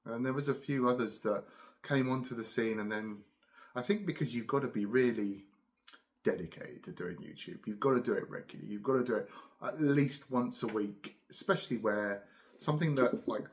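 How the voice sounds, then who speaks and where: A middle-aged man with a southern English accent, chatting casually and unhurriedly to camera, musing with pauses between puffs on a pipe. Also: mid-range voice. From Cambridge, England. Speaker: pipe-smoking video host. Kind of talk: casual rambling solo chat.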